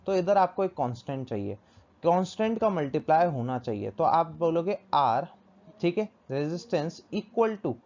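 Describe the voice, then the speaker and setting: Male tutor, mellow tone, repetitive question-and-answer teaching, lo-fi sound. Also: high-pitched. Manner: asks questions and answers them himself, repeats key terms. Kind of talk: classroom physics lesson. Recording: dull lo-fi recording.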